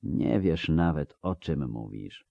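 A man voicing a cold, aloof ancient male elf in an audiobook, slow, measured and quietly threatening. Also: very deep voice, animated, creaky, no echo, muffled recording, heavily acted. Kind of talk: audiobook character reading.

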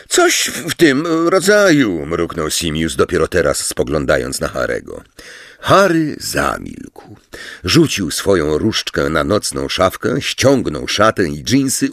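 A man reading a storybook aloud as narrator, with expressive, varied delivery. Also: rumbling low, a little slow, vocal fry, no room sound, clean studio sound. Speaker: audiobook narrator.

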